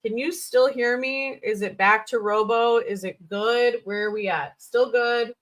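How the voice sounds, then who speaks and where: A woman with a slightly high, steady voice hosts a livestream reviewing resumes, speaking a little slowly. She's informal and blunt, giving unscripted feedback while thinking aloud with little sing-song filler sounds.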